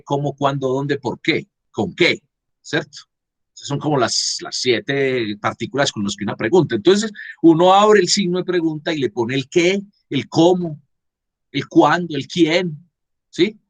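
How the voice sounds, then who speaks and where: Husky man teaching an online class. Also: fairly high pitch. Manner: repeats and asks "¿sí?" to check understanding. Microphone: video call.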